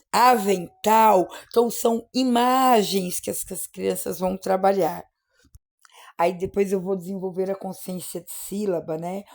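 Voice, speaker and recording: Lady teacher, gravelly mellow voice, slows way down on example words. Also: mid-range voice. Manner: patient, repeats and checks with "né?"; stretches out example words slowly. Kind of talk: explaining literacy teaching.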